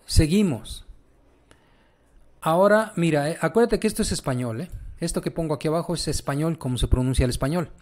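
A man's voice: fairly high pitch, a little fast, darkish tone. A man teaching a pronunciation lesson, patiently repeating each sound and checking in with the learner. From Mexico. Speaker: language teacher.

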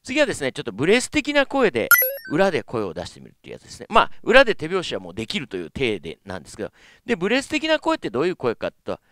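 A man's voice: on the high side, huge pitch swings, rapid-fire, a bit bright. A man teaching as a vocal coach, explaining politely with many filler sounds. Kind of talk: instructional lesson.

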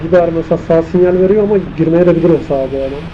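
A man's voice: a little high, rapid-fire. Muffled man talking inside a helmet. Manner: thinking aloud, commenting on the traffic. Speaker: motorcycle vlogger. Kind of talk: casual chat while riding. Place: outdoors on a moving motorcycle, inside a helmet. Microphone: microphone inside the helmet. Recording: muffled helmet mic, loud wind and engine noise. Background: wind, engine and traffic noise.

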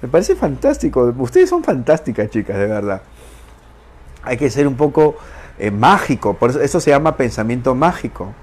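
A man's voice: medium pitch, big pitch swings, moderate pace. A man hosting an online talk for women, playful and teasing, laughing often and acting out phrases. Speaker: online show host. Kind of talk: casual talk to a female audience.

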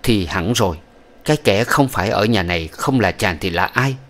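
A man with a fairly low voice reads a novel aloud as an audiobook narrator. His delivery is steady and even, like scripted storytelling. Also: normal speed. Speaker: audiobook reader.

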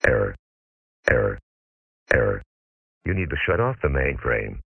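A man voicing a malfunctioning robot sage whose speech glitches, stutters and breaks down, in a deep, gravelly, solemn monotone. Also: no echo, exaggerated voice. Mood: failing, pleading. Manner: slow solemn pronouncements, repeated words. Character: malfunctioning male robot sage, calm then failing. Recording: tinny phone-like dry sound.

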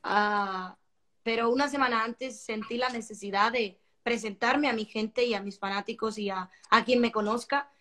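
A woman singer talking about her album in a casual interview, animated and expressive, often repeating words as she searches for them. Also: a little high, moderate pace. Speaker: singer-songwriter guest.

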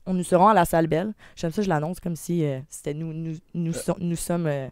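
A young woman with a Québécois French accent, co-hosting a radio show in playful, excited chat, joking and stammering through fillers. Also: sits low, brisk, smooth, no room sound, studio quality. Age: young adult. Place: radio studio.

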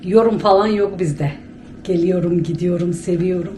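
A woman's voice: lowish voice, moderate pace, dark tone, slight background noise. A chatty woman with a Bulgarian Turkish accent, talking casually to her camera at home as she rambles and laughs often. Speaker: vlogger. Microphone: handheld camera.

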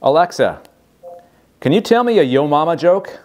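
A man with a somewhat high voice keeps a moderate pace. He's hosting a laid-back demo of a voice assistant, asking the device questions and clearly enjoying himself.

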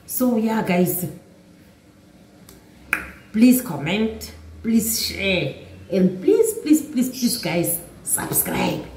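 Woman vlogger, slow and mellow delivery, storytime, recorded a bit far from the mic in an echoey room. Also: medium pitch, very animated, a little hiss or hum. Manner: chatty, repeats "guys" often. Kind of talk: storytime vlog.

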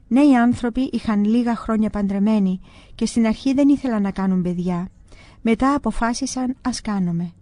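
A woman calmly reading a religious book aloud in the first person, in scripted narration. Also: on the high side, dry recording. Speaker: audiobook reader.

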